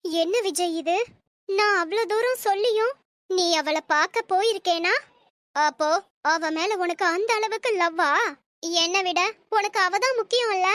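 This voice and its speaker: A woman's voice: extremely high pitch, a little slow, fairly bright tone, no echo. A woman voicing a stern, possessive middle-aged mother in a storybook drama, scolding and coddling her son. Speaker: mother of the young man.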